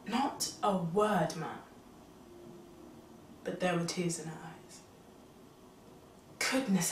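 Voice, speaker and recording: An actress playing a young married, pregnant woman, animatedly recounting events to her mother, at times exclaiming and at times hushed. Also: mid-range voice, natural voice. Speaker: daughter confiding in her mother. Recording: distant, roomy sound with faint background noise.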